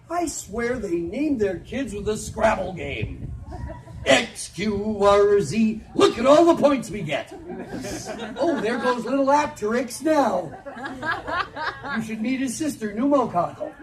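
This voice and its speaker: A middle-aged man doing live comedic storytelling on an outdoor festival stage, with animated, teasing banter aimed at the audience. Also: high-pitched, slow pace. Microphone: handheld phone in the audience. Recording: distant phone recording with crowd. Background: audience laughter.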